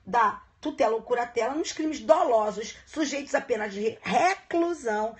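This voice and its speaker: A woman teaching law in a casual live-streamed exam review, checking in with viewers often and chatting warmly between points. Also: fairly high pitch, expressive, normal speed. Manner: chatty, warm asides to viewers, frequent "tá?" checks. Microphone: phone live stream.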